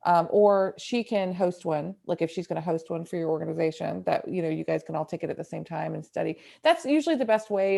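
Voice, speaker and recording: A woman's voice: lowish voice, gravelly, dark tone. A woman, a portrait photographer, chatting and explaining casually on a video call with plenty of fillers. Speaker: guest speaker, portrait photographer.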